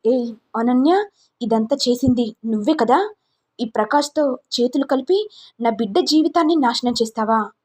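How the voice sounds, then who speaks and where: Woman doing a stern angry mom, scolding hard, husky voice. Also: a little high, animated, moderate pace, a little mellow. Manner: scolding, demanding. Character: stern proud middle-aged mother, fierce temper.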